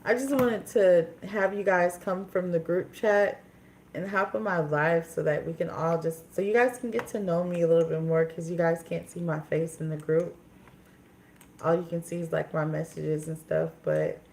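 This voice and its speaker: A woman's voice: fairly low pitch, darkish tone, slight background noise. A woman in her twenties from Minnesota, chatting casually on a livestream in a candid, rambling way with many fillers and restarts. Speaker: livestream host.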